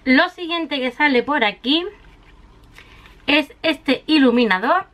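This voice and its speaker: Mujer española charlatana, voz aguda. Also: female voice, high-pitched, expressive, takes it slowly, fairly bright tone, slight background noise. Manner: chatty, fond of diminutives, shows each item. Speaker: beauty vlogger. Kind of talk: makeup haul video.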